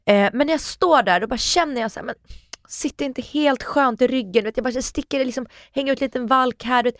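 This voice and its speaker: A woman with a Swedish accent co-hosting a podcast in casual chat, telling stories in a lively way and acting out the voices of people she quotes. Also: sits high, dry recording, studio quality. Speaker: podcast co-host.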